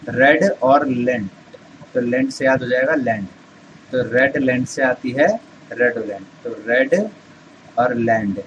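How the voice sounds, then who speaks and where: A man's voice: medium pitch, takes it slowly, fairly bright tone, highs cut off, a little hiss or hum. A man teaching English vocabulary in Hindi, explaining step by step and answering his own rhetorical questions. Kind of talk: Hindi vocabulary lesson with memory tricks.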